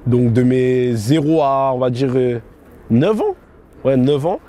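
Speaking slowly in a mellow, mid-range voice with lively intonation, a young man from the Paris area and London tells the camera his life story. His delivery is relaxed and conversational, peppered with slang and check-in tags.

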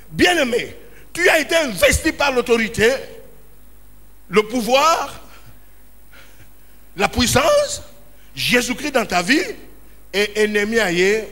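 A man's voice: very high-pitched, bright, forceful tone. A man preaching a sermon as pastor in a church hall, impassioned and calling out in emphatic bursts. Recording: reverberant hall with faint ambience.

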